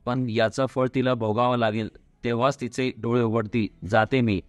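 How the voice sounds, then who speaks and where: A man's voice: medium pitch, fairly even intonation, normal speed, no echo, natural voice. A man voicing a poor old woman, a goddess in disguise, who speaks sternly and reproachfully. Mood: indignant.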